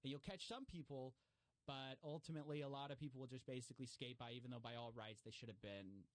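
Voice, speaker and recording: An animated man explaining things in a relaxed conversational way, full of fillers and quick restarts. His voice sits in a middle range for a man. The sound is close and dry, with little room around it. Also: mid-range voice, no room sound.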